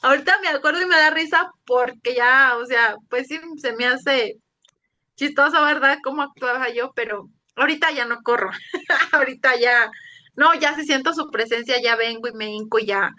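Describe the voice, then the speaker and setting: A woman telling a personal faith testimony in an earnest, halting way, with restarts. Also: sits high, sharp tone, highs cut off. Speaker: interviewee giving a faith testimony.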